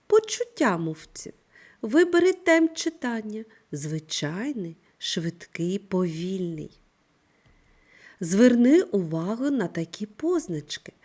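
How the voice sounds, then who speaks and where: A woman guides young pupils through a reading lesson, her delivery slow, clear and instructive. Her voice sits a little low, yet it moves with plenty of melody as she reads out word lists and tongue twisters. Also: darkish tone. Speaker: primary school teacher. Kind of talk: scripted online reading lesson.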